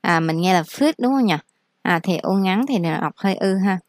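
A woman teaching English vocabulary in a casual lesson, explaining slowly and repeating each word for practice. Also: mid-range voice, expressive, no room sound, clean studio sound.

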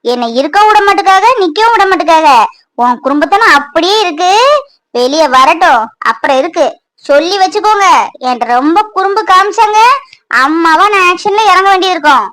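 A woman's voice: extremely high pitch, animated, a little fast, a bit bright, dry recording. A woman voicing a chatty, playful pregnant young wife in a cartoon, who talks to her unborn baby.

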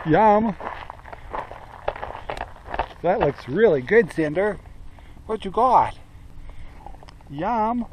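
With drawn-out words and long pauses, an older Central Oregon man vlogs casually to a handheld camera at arm's length, outdoors on his homestead and in a garage. His high-pitched voice is expressive, he rambles with fillers and little chuckles, and background noise is present.

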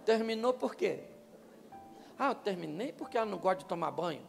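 Talking a little fast, this older Brazilian pastor has a high-pitched, gravelly male voice and a Brazilian Portuguese accent. On a large hall's church stage with a handheld microphone, he gives couples a funny talk on marriage, lively and joking, with questions tossed to the audience. Long reverb and faint music come through in the live church hall recording.

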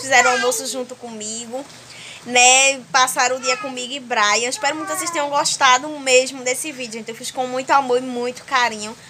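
A woman's voice: high-pitched, noisy background. A young Brazilian woman with a Brazilian accent, chatting casually to viewers in a home vlog, filmed on a phone at arm's length indoors. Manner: chatty, keeps addressing viewers warmly with diminutives. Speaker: home vlogger.

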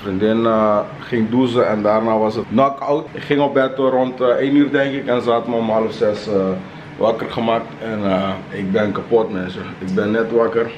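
A man's voice: lowish voice, fairly even intonation, normal speed, a little mellow, lo-fi sound, slight background noise. A man, chatting casually to a handheld camera as he vlogs. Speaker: vlogger. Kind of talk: casual vlog chat to camera. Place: at home indoors, rooms with hard floors and walls. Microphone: handheld camera at arm's length.

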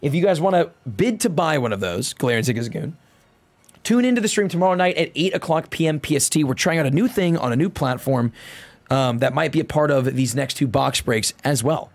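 A young man with a fairly high voice and very animated pitch. He talks like a streamer chatting with his viewers, slangy and loose, jumping between low muttered asides and loud hype calls. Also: fairly quick. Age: young adult. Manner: slangy, bro-heavy way of talking. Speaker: live streamer opening card packs. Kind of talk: casual livestream chat with viewers. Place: indoor streaming room at home.

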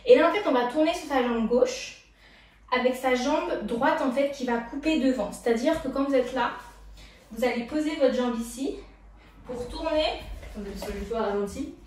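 A young woman walks students through a street jazz routine, counting beats and calling out steps with playful sound effects. Her voice sits a touch high and comes from a distance. The room rings with strong echo and faint ambient noise. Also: moderate pace, darkish tone. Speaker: dance teacher. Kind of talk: dance tutorial instruction. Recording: echoey room, voice from far off.

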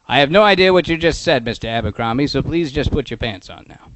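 A middle-aged man playing an earnest 1950s TV pitchman in an emphatic hard-sell commercial style. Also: lively intonation, quick pace, a bit bright, slight background noise, natural voice. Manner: emphatic announcer delivery. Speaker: TV pitchman presenter. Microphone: handheld microphone.

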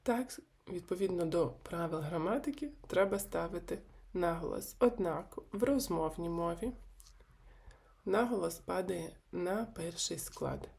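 Woman teaching grammar on video, lowish gravelly voice, reads out verb forms slow and careful. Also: darkish tone. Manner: slow, deliberate, repeats verb forms one by one. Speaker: Hebrew language teacher.

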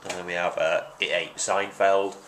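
He's a vlogger in his twenties, stuffy from hay fever, rambling casually with many ums as he unboxes items indoors in a small home room. His low voice holds a level tone at normal speed and sounds fairly bright. A desk webcam picks up noisy audio.

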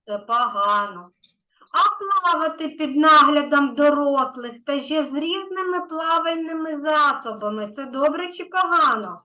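A high, bright-voiced woman teaching a small child, slow and patient. She praises often and draws out the important words so the child can follow. Her voice stays gentle and encouraging. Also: animated, poor audio. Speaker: kindergarten teacher. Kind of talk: online lesson with a young child.

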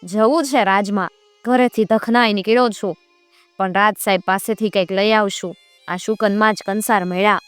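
A woman's voice: medium pitch, steady tone, moderate pace, clean tone, no room sound, faint music behind, lightly acted. A woman voicing a sly, pleading wandering bard. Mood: pleased. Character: clever wandering bard, man, flattering and sly.

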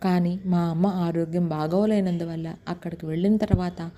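Storyteller, woman, Telugu accent, deep mellow tone, steady narration, a little low. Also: normal speed. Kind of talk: first-person story narration.

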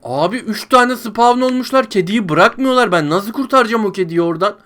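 A man with a noticeably high-pitched voice, narrating his gameplay for viewers in a chatty, frustrated way. He complains to the audience as if to friends and breaks into yells when the game turns on him. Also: lively intonation, fairly quick. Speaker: gaming YouTuber. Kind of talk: let's play commentary.

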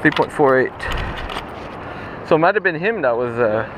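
A young man filming his own fishing trip on a head-mounted camera, talking casually and excitably, with some swearing, on a riverbank. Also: on the high side, moderate pace. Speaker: angler filming his catch. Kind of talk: casual outdoor chat. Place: riverbank and dock outdoors. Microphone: head-mounted action camera. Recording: action camera with loud wind and water noise.

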